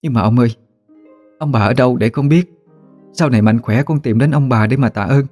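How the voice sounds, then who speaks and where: A man's voice: medium pitch, a little fast, darkish tone, soft background music, voice pushed up, natural voice. A man voicing a grateful young mother who asks earnestly.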